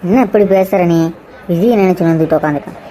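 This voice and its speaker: A woman playing a scolding village neighbour, cartoon, rapid, faint background noise. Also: lowish voice, dark tone, close to an everyday voice. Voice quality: scolding, brisk and commanding. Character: blunt, bossy village neighbour woman Valli. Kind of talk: cartoon drama voice acting.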